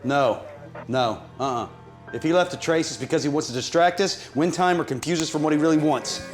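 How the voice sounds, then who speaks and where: A man's voice: fairly high pitch, fairly quick, close to an everyday voice. An actor playing an agency deputy director racing to save his kidnapped daughter, urgent and commanding in action film dialogue. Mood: tense. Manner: urgent, commanding, increasingly agitated. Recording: film dialogue under loud score. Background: film music.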